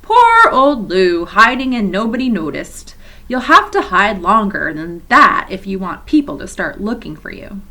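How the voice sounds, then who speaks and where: A woman's voice: mid-range voice, big pitch swings, unhurried, sharp tone, full character voice. A woman reading aloud and voicing a teasing, bossy older brother who talks down to his sister. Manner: patronising, lecturing.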